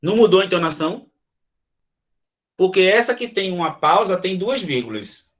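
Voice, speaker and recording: Higher-voiced man teaching grammar. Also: expressive, normal speed, a bit bright. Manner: checks in with listeners, often adding "tá?"; repeats and restates examples. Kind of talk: grammar lecture to a class.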